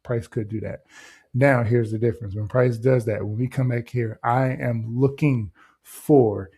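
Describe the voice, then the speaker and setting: A man hosting a trading channel, walking through a chart in a loose, casual way and tossing in "right?" and "boom" between steps. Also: steady tone, unhurried, mellow, breathy edge. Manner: loose and conversational, heavy on filler words like "right?" and "boom". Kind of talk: casual screen-share trading walkthrough.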